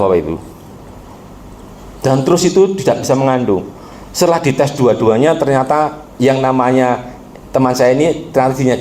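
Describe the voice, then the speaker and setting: A man preaching a sermon, calling out to the congregation and swinging between quiet storytelling and impassioned exhortation. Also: mid-range voice, a little hiss or hum. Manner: addresses the congregation directly. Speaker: pastor.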